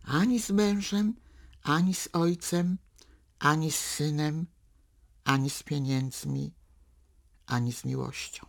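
A woman's voice: low-pitched, steady tone, takes it slowly, gravelly, long pauses. A woman reading a novel passage aloud with dramatic swings into the characters' thoughts, then talking it over.

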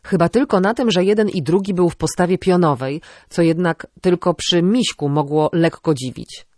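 A woman reading a novel aloud as an audiobook narrator, in a measured, even delivery. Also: fairly low pitch, no echo, clean studio sound. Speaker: audiobook reader. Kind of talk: scripted narration.

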